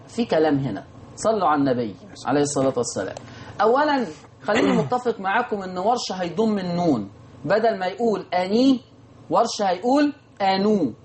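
A man with an Egyptian Arabic accent teaching Quran recitation rules, answering imagined student questions and chanting verses slowly. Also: sits high, a little mellow, a little hiss or hum. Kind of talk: televised recitation lesson.

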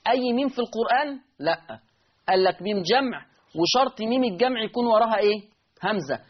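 A man's voice: high voice, expressive, fast, breathy edge, lo-fi sound. A man with an Egyptian Arabic accent teaching Quran recitation rules in an online lesson, repeating key terms and answering his own questions.

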